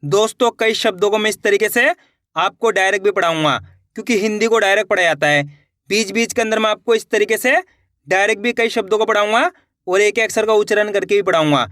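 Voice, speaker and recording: A man teaching Hindi reading, sounding out each word slowly syllable by syllable, then repeating the whole word, patient and encouraging toward viewers. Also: sits high, fairly bright tone, dry recording, studio quality. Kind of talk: online reading lesson.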